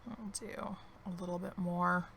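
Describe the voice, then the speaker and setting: A woman's voice: on the low side, steady tone, creaky, fairly bright tone, slight background noise. A woman commentating her own game as she plays, thinking aloud and losing her voice a little. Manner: slow, thinking aloud while playing. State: losing her voice, clearing her throat. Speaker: gaming video creator. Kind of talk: relaxed let's-play commentary.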